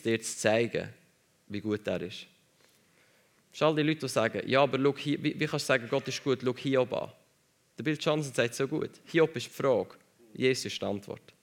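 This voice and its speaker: A man's voice: medium pitch, a bit bright. A man preaching a sermon emphatically, repeating phrases for stress.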